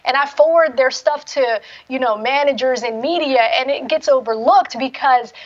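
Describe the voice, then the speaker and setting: A young woman born in Somalia and raised in Atlanta from childhood moderates a conversational panel from a room at home over a video call. Her high voice is articulate and affirming at a moderate pace, though the call audio is dull and lo-fi.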